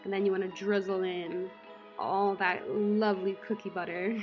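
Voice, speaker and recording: A woman in her twenties, chatty and relaxed, walking through a meal prep in her home kitchen. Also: medium pitch, normal speed, lo-fi sound, over music. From United States. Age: 20s. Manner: chatty, relaxed, lots of fillers. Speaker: lifestyle vlogger. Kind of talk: casual how-to vlog.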